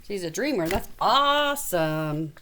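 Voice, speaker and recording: Reading aloud from a storybook, a woman who teaches elementary school offers folksy asides and encouragement from a little desk in a small space away from school. Her voice sits on the low side, animated, unhurried, and a bit bright, with slight background noise.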